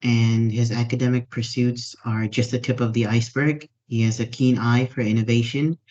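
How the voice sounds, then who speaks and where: A man's voice: mid-range voice, flat delivery, moderate pace, darkish tone. A man hosting a podcast, introducing his guest with many ums and uhs. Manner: hesitant, many fillers. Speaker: podcast host. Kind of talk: interview introduction. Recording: dull lo-fi sound.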